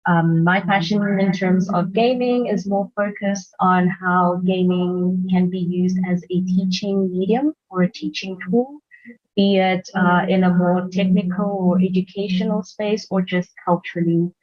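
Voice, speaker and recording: A woman with a fairly low voice speaks hesitantly, with many fillers, as she introduces herself on a panel call. The audio is muffled and lo-fi, as over a weak video call line. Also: fairly even intonation, measured pace. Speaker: game design lecturer. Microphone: video call with camera off.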